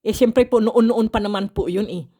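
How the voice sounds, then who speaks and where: A woman's voice: mid-range voice, moderate pace, mellow, husky. An older woman from the Philippines, vlogging and telling her viewers a story casually, in a frank, polite and chatty way, laughing often. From Philippines, raised partly in Mindanao.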